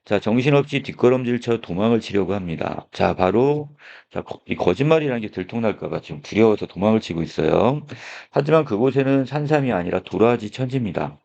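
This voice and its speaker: A male teacher lectures on a literary text and explains each scene in turn. His voice is low with a gravelly edge. The recording is dull and lo-fi. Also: lively intonation, brisk, a little mellow. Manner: explanatory, opens phrases with a filler 'so'.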